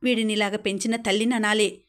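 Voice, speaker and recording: A woman's voice: mid-range voice, steady tone, a little fast, natural voice. A woman reading the lines of a resentful, spiteful woman visitor in a storybook reading.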